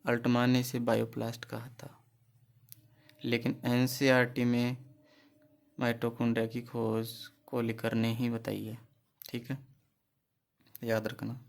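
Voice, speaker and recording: Speaking in a gravelly, monotone mid-range voice, a man delivers an exam-prep biology lecture a little slowly, leaving long pauses. He raises questions, answers them himself and repeats the key terms.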